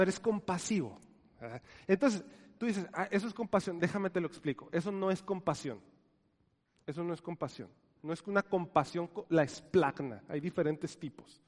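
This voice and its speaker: A man preaching a sermon as pastor, dropping to soft near-whispers and swelling loud again, asking his congregation questions and having them repeat words. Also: sits high, long reverb tail.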